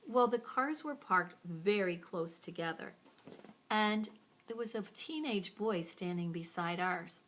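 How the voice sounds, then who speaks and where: A woman's voice: mid-range voice, a little slow, a bit bright. A woman telling a first-person story in a wry, playful, self-mocking way.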